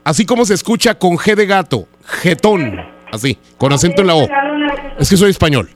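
A man's voice: sits high, lively intonation, normal speed, soft background music. A Mexican radio host making a prank phone call, teasing and flirty, drawing out his words.

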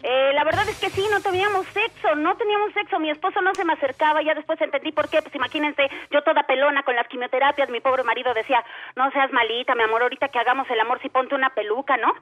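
A woman's voice: high-pitched, steady tone, fast talker, fairly bright tone. A Mexican woman comedian telling punchy jokes in a stand-up joke battle on a radio broadcast.

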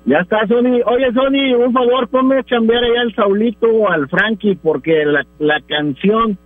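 A man's voice: high-pitched, moderate pace, dry recording. Mexican guy calling in over the phone, laid back, joking around, sounds kinda muffled. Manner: relaxed, teasing. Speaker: caller. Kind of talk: casual joking chat. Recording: dull phone line.

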